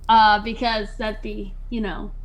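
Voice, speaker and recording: A woman's voice: mid-range voice, level tone, unhurried, dull audio. A woman chatting casually as a tabletop game player, hesitant and stammering a little.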